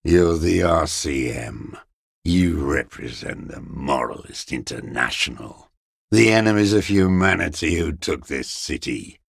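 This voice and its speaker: In dramatic video game voice acting, an embittered older man plays a communist deserter, the last defender of a fallen commune and a lost cause, declaiming like a haunted ideologue, proud, accusing and contemptuous. His extremely low voice is worn, raspy and full of gravel, slow, expressive and exaggerated. The studio-quality recording has no room sound.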